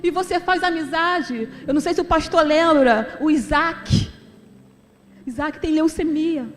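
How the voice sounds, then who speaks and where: Brief: middle-aged woman, high voice, heartfelt church testimony, long hall reverb. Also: measured pace, soft background music. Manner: emotional, conversational, addresses the congregation as brothers. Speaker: deaconess giving a testimony. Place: church sanctuary.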